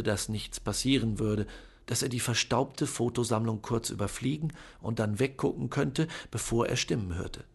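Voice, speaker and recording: Gravelly male audiobook narrator. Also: medium pitch. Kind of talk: scripted narration.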